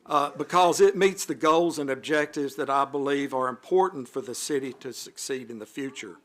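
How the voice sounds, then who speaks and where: Speaking at a normal speed in a mid-range voice, a man who serves as a city alderman formally reads his prepared statement to the council, dropping in the odd aside.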